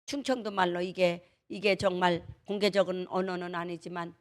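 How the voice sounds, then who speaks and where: A woman's voice: lowish voice, fairly even intonation, normal speed. A woman pastor with a Chungcheong Korean accent preaching a dawn prayer service sermon in an emphatic, folksy way, full of rhetorical questions. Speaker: senior pastor.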